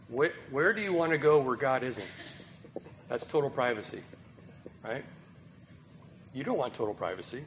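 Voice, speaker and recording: A man delivers a sermon at an ordinary middle pitch. He presses his points with rhetorical questions and keeps checking in with his listeners. A faint noise sits under the recording. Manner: rhetorical questions, emphatic, tag "right?". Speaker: preacher.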